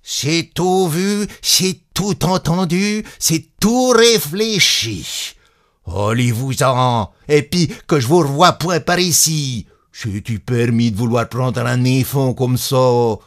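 A man voicing a stubborn peasant mother who talks in rough rustic country speech. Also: on the high side, big pitch swings, measured pace, no echo, studio quality, voice pushed up. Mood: furious.

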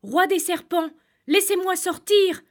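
A woman playing a poor, frightened shepherd in a read-aloud fairy tale, his voice pitched well above her own and pushed loud. He begs and shouts, always anxious. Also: moderate pace. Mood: pleading, shouting. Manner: pleading, crying out.

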